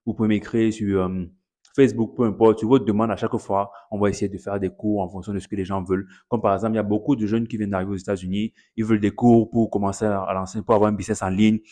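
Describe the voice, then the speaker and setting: A man with a fairly low voice speaks straight to his audience in a relaxed vlog. He rambles in a chatty way, circling back over his points and slipping English words into his sentences. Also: fast. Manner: chatty, repeats himself, mixes in English words. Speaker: content creator promoting his online academy. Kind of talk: casual direct-to-camera vlog.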